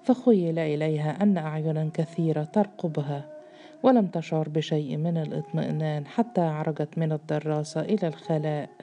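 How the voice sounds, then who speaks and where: Low, dark-voiced female narrator. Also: a little fast. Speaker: audiobook narrator. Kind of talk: literary audiobook narration.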